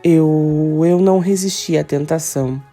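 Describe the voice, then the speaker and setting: Uma mulher lendo as falas de um imigrante italiano teimoso, com tom firme e insistente. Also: female voice, low-pitched, a little slow, warm tone, faint music behind. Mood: firm. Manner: firm, insistent. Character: stubborn Italian immigrant man, firm.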